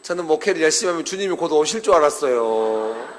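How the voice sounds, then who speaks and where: A man's voice: on the high side, expressive, quick pace, a little hiss or hum. Man preaching in a storytelling way. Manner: conversational storytelling, acting out dialogue; addresses the elderly congregation directly. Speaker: pastor. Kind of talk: sermon at a parents' seminar.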